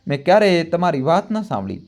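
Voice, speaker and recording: A grieving grown son who turns loud and accusing, his voice pushed up and hard, as a male narrator acts him out. He has a storybook drama feel. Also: medium pitch, lively intonation, moderate pace, lightly acted.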